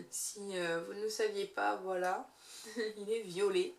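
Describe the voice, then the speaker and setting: Speaking slowly in a mid-range voice, a young beauty vlogger gives a casual review of her monthly makeup favorites. She hesitates often with fillers, and the recording is echoey.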